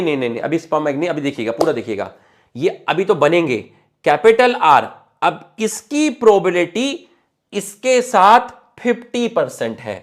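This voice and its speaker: Brief: young male biology teacher, high voice, animated delivery, quizzes himself aloud. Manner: asks and answers his own questions, mixing Hindi and English terms. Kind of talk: exam-prep lecture.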